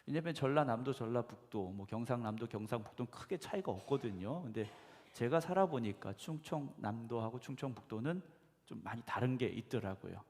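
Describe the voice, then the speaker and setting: Gravelly-voiced pastor preaching in a reverberant church. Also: male voice, mid-range voice, lively intonation, brisk, a little mellow. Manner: conversational, asks the congregation questions, frequent affirming "네". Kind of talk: sermon. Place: church sanctuary. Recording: echoey church hall.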